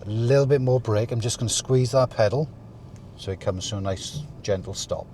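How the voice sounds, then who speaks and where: A man talking through a driving lesson as an instructor, calmly explaining each step while he drives. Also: medium pitch, moderate pace. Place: inside a moving car. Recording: car interior with faint vehicle noise.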